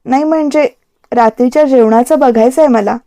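A tearful young wife in a spoken love story, soft and pleading as she evades, voiced by a woman reader. High, mellow tone, close and dry. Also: fairly quick, no echo. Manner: pleading, evasive.

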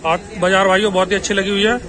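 A high-voiced man with a Western Uttar Pradesh Hindi accent tours a busy outdoor pigeon market, vlogging as he walks and talking with both sellers and viewers. His delivery is flat, yet he keeps up brisk promotional patter that constantly urges his audience. Crowd chatter and traffic fill the noisy recording.

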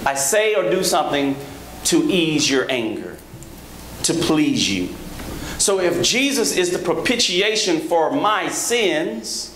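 A man in his thirties preaching a sermon from a church pulpit on a handheld microphone, rhythmic, rising to emphatic high peaks, with joking asides to the congregation. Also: lively intonation, slow pace, fairly bright tone. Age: 30s. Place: large church sanctuary, at a pulpit. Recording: echoey church hall with background noise.

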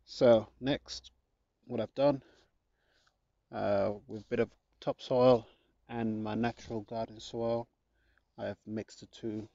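A man giving a casual how-to narration in his garden, relaxed and chatty with jokey asides, recorded on a handheld phone. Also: lowish voice, dull audio. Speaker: gardening vlogger. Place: home garden, outdoors.

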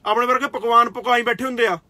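Brief: young Indian Punjabi man, kabaddi player, confrontational scolding rant, very high, sharp bright voice. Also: fairly even intonation, quick pace, no echo. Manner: confrontational, scolding, swears, repeats "theek aa". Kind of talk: angry direct-to-camera rant.

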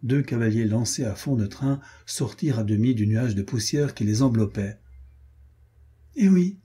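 A man reading a swashbuckling novel aloud as an audiobook narrator, in a measured, expressive way. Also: fairly low pitch, husky. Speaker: audiobook reader. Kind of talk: scripted narration.

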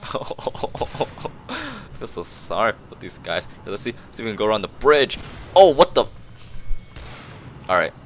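A young man giving jokey, rambling commentary over a shooter game, breaking into excited yelps and laughter. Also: fairly low pitch, unhurried, a little hiss or hum. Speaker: gameplay commentator. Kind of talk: goofy live gameplay commentary.

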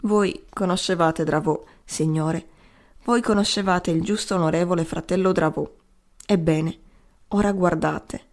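A woman's voice: lowish voice, steady tone, unhurried, a little mellow, close to an everyday voice. A woman voicing a broken, grieving old male adventurer who rambles and keeps pleading "sir" at his listener. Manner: pleading, repeating "signore".

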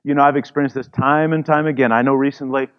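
A male pastor delivering a sermon in a chatty, informal style, slipping in frequent "you know" asides. His voice sits at an ordinary middle pitch. The recording is somewhat dull and lo-fi. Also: steady tone, fast talker.

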